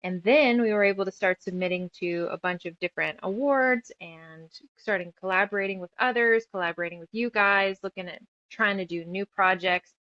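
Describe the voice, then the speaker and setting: An American woman who writes, makes music, and creates audio dramas rambles through her thoughts as a guest in a casual interview, talkative and reflective. Her medium-pitched voice is brisk and fairly bright, with few pauses. The audio is dull, with no room sound.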